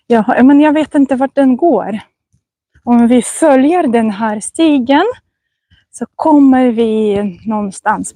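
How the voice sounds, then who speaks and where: A woman language teacher, vlogging as she walks along a forest path and speaking slowly and carefully for learners. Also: on the high side, darkish tone, no room sound. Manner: slow, careful speech with many restarts. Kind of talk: slow vlog chat for language learners.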